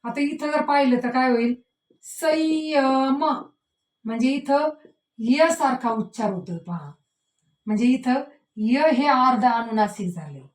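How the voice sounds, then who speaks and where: A woman teacher with a fairly high voice walks through a grammar lesson. She draws out each example word slowly and keeps ending sentences with the same tag word. Her voice rings in an echoey room. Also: expressive. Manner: repeats a tag word at line ends; slows and stresses words she demonstrates.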